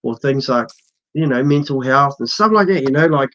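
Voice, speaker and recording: A man's voice: medium pitch, expressive, moderate pace, a bit bright. A man with a broad New Zealand accent chatting casually as an interview guest, in a laid-back, slangy way. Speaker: interview guest, social media creator. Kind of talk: casual chat. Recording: dull, muffled lo-fi audio.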